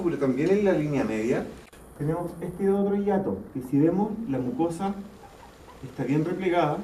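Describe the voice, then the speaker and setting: A man's voice: fairly high pitch, darkish tone, slight background noise. A man giving an anatomy lecture in a classroom, explaining step by step, repeating key terms and checking that students follow. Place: lecture hall. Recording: echoey classroom, mic far off, faint ambience.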